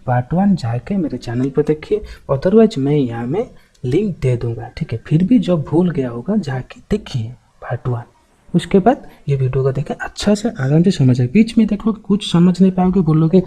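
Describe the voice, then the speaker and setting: A man's voice: on the high side, expressive, moderate pace, mellow, low-quality recording. A man teaching an online accounting class, talking in a chatty, joking way and often checking back with his students. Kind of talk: informal classroom lecture.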